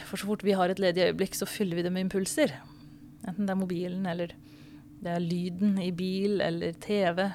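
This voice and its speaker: A woman pastor giving a calm, reflective podcast sermon who sometimes drops to a whisper. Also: medium pitch, a little hiss or hum.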